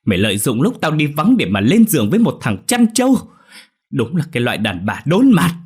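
A man's voice: medium pitch, wildly swooping pitch, fairly quick, a little mellow, husky, pitched above the performer's own voice, exaggerated voice. A man voicing an enraged, betrayed young husband who roars accusations. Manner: roaring with anger.

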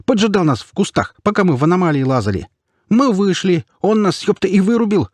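A man doing a jittery, shifty male looter in an audiobook, voice pushed up high and thin, whiny and squealing, lashing out like a cornered animal, with a husky grain over a dry, close sound. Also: expressive, fairly quick, a little mellow, dry recording. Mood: insistent. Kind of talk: audiobook character voice.

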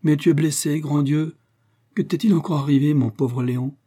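Guy voicing a warm young inventor, friendly, husky mellow voice. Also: on the high side, steady tone, moderate pace, voice pushed up.

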